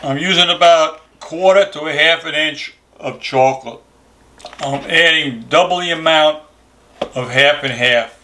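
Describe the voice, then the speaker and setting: An older man co-hosting a vlog explains a recipe step by step in a kitchen demonstration, plain and matter-of-fact. His voice is a little high and sharp, his pace slightly slow, with slight background noise.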